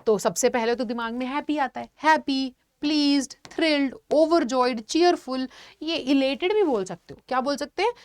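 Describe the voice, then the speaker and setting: Woman teacher with a bright, higher voice. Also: moderate pace, no echo. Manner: explains patiently, addresses students as "beta", frequent "theek hai" check-ins. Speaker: online teacher. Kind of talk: classroom vocabulary lesson.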